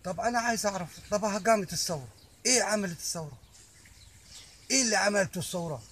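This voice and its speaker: Older Egyptian man, fairly high-pitched, emphatic. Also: very fast, fairly bright tone, slight background noise. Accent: Egyptian Arabic. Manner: emphatic, repetitive, stumbling over words. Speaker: army veteran giving his opinion. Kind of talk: impromptu monologue addressed to the public.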